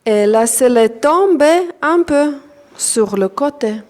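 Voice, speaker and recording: Her voice sits high as this woman, speaking French with a non-native accent, instructs a guided yoga nidra meditation. She proceeds calmly and deliberately, in short phrases broken by long pauses.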